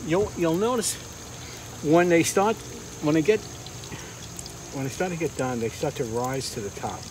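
An older man runs a casual backyard cooking demo beside a fence, speaking into a lapel mic at a moderate pace. His fairly high voice has a darkish tone, there's a little hiss or hum, and his talk rambles with many fillers and restarts.

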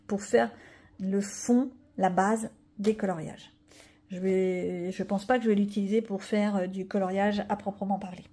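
A woman's voice: medium pitch, dark tone, slightly rough. A woman chatting casually to viewers about her coloring books, rambling with many asides and fillers. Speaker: coloring vlogger. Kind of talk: casual chat showing coloring pages.

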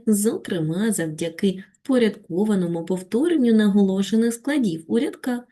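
A woman with a Ukrainian accent teaching a children's reading lesson on video, reciting a poem slowly and expressively, then patiently guiding the class. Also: mid-range voice. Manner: slow, expressive poetry recitation. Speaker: primary school teacher.

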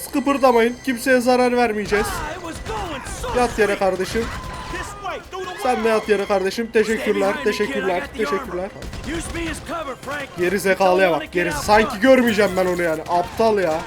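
A man commentating his own game with loud, playful gangster bravado. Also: high-pitched, normal speed, pauses often. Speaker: gameplay commentator. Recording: music bed under voice.

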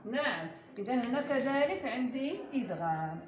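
A woman with a Moroccan Arabic accent teaching Quran recitation to a class, quizzing her students and slowly drawing out each example word. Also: on the high side, crowd noise. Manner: patient, slow and drawn out when modelling recitation; quizzes the class and prompts answers. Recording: echoey room with steady background noise.

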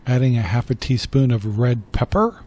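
A man's voice: medium pitch, steady tone, normal speed, background noise. An older man giving a plain, step-by-step voice-over for a home cooking video, matter-of-fact in tone. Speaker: cooking channel host. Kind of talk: voice-over narration.

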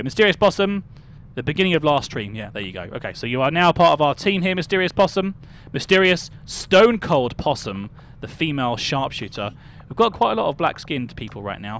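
This British streamer, young and male, chats casually with his audience during gameplay, greeting people by name and musing aloud. His voice sits in the mid-range with a slightly bright quality, and there's a little background noise.

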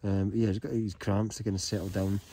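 Hiking vlogger in his thirties, soft warm voice, easygoing rambling delivery, recorded close in a tent with faint outdoor hiss. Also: on the low side, quick pace. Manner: relaxed, rambling, many ums. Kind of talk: casual vlog talk to camera. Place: inside a small tent on a mountain at night. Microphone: camera held close while lying down.

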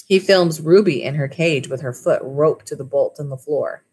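This thirty-something school library teacher has a deep, mellow, husky voice and speaks at a normal speed. She reads a storybook aloud and talks informally with children from a small home room with wood-panelled walls, picked up by a webcam or laptop mic at arm's length.

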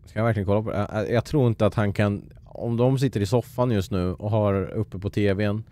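A man streaming himself playing a game, a parent who chats with his viewers and talks at the characters on screen, breaking into sudden yells. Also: lowish voice, steady tone, no echo. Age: adult parent. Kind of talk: live let's-play commentary.

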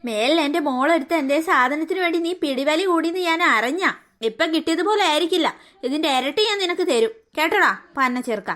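A mean, haughty cartoon aunt, played by a woman who bullies the children and scolds and threatens them with scorn. Her voice sits very high. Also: lively intonation, brisk, fairly bright tone. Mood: scolding. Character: scheming haughty adult aunt, mean and bullying. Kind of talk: cartoon story voice acting.

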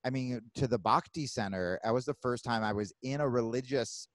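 Animated swearing male podcast host. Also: medium pitch, no echo. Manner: animated, swearing, quick asides. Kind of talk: casual chat.

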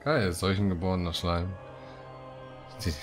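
A deep-voiced man hosts a gaming video, offering casual let's play commentary at a measured pace. He reads quests out loud while game music plays in the background.

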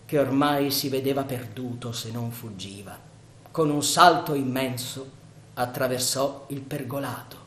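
A man reading a novel aloud as theatrical narration, measured and dramatic. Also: mid-range voice, fairly bright tone. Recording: roomy echo.

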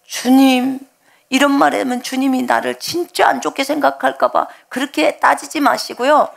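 A woman pastor preaching a sermon in a high, gravelly voice. She speaks earnestly and tells of her own faith. She voices her prayers aloud as if talking to someone right beside her. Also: fairly even intonation, normal speed. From Jeolla, Korea.

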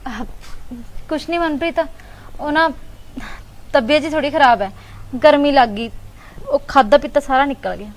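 Casting: actress as a young sister-in-law, somewhat high-voiced, hushed and pleading, guarding a secret. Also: female voice, normal speed, pauses often, rough recording. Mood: evasive. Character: young married woman, secretive, anxious, pregnant bhabhi. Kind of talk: Punjabi web drama acting.

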